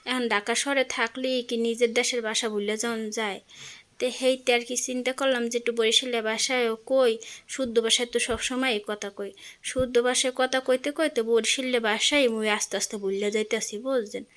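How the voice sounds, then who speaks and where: A woman's voice: on the high side, fairly even intonation, fairly quick, a bit bright. Chatty young woman with a Barishal accent. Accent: Barishal dialect of Bengali. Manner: chatty, keeps checking in with the viewer. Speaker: vlogger; mother of young children. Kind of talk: casual home vlog chat.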